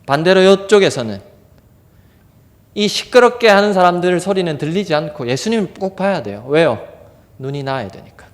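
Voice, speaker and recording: A man delivers a revival sermon in a church sanctuary, his voice pitched high and swinging widely up and down. He acts out the shouting of crowd figures as he goes. The sound carries a long reverb from the hall. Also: animated, normal speed. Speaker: preacher.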